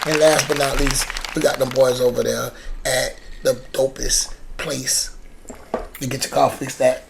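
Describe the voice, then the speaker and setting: This voice is a podcast co-host with a rough, gravelly edge who chats casually. The talk is slangy, full of swearing, and circles back on the same words while a thought forms. A faint noise sits under the voice. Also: medium pitch, flat delivery, a little slow. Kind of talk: casual chat.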